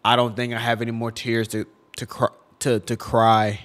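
A young man on the edge of tears talks in a mid-pitched, ordinary voice, stumbling over and repeating his words. His speech is casual and full of slang, heartfelt and broken up. He records himself at home in his room. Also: monotone, moderate pace, a bit bright. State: close to tears. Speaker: video creator. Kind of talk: emotional tribute vlog. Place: his own room, among collectibles.

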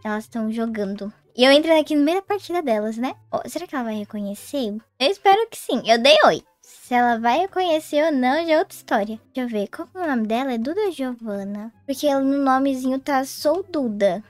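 A woman's voice: high-pitched, animated, a little fast, hardly any pauses, no room sound. A young Brazilian woman with a Brazilian Portuguese accent, chatting casually to viewers as she plays a game, with sing-song greetings. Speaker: gaming YouTuber. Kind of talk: casual gameplay commentary.

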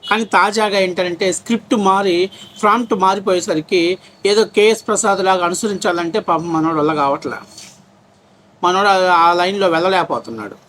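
Male commentator, rapid-fire mocking rant. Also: sits high, a bit bright. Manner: scornful, mocking, name-calling. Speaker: political commentator. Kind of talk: ranting political commentary. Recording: faint background noise.

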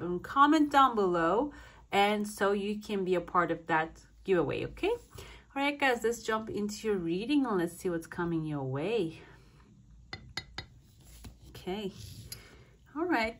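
Female fortune teller, mid-pitched voice, addressing viewers, divination reading, searching phrasing. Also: a bit bright. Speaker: fortune teller, channel host. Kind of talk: fortune-telling coffee cup reading to viewers.

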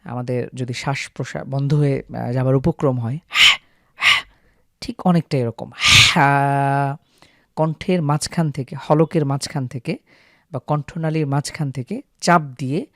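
A man's voice: mid-range voice, normal speed, darkish tone, no room sound, studio quality. A man teaching how to pronounce Arabic letters, explaining patiently step by step to viewers. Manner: patient, step-by-step, stretches out the sample letter sounds. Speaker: Quran recitation teacher.

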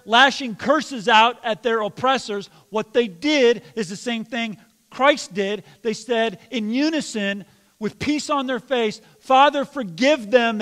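A man preaching a sermon as pastor, questioning his congregation directly and sometimes mock-yelling. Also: very high-pitched, in a large hall. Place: church sanctuary.

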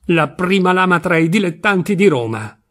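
A man's voice: sits high, animated, moderate pace, fairly bright tone, pitched above the performer's own voice. A man reading a story aloud, voicing a furious, touchy man who sputters aggressively. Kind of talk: literary audiobook reading.

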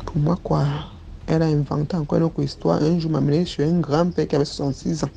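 Woman guest, first-person testimony, gravelly and dark-toned, earnest. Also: low-pitched, little pitch movement, fast, highs cut off, a little hiss or hum. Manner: earnest, recounting events step by step.

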